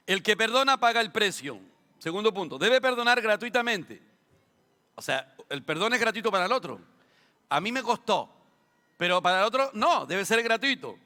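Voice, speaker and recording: A Chilean pastor preaches a sermon in a church sanctuary, posing rhetorical questions and tossing in humorous asides. His voice is high-pitched, pushed and bright, carried by the long reverb of the church hall.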